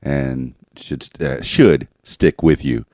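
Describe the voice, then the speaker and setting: A man hosting a podcast interview, talking with many halting fillers and restarts. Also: rumbling low, darkish tone, no echo, clean studio sound. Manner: halting, filler-heavy, chuckling. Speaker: podcast host. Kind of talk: casual interview.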